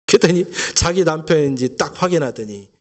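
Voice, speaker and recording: A male pastor delivers a Sunday sermon in a fairly high voice. He tells a story with lively rhetorical questions aimed at his congregation. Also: brisk.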